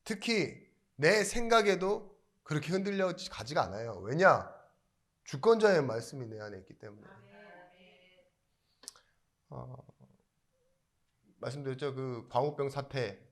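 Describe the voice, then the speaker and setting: A male pastor preaching a sermon in a chatty storytelling way. He asks the congregation questions and rises into loud emphatic bursts. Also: mid-range voice.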